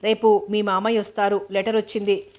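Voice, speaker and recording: A woman reading aloud, voicing a gentle male doctor who consoles his son in soft speech. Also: medium pitch, level tone, fairly quick, natural voice. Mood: tender.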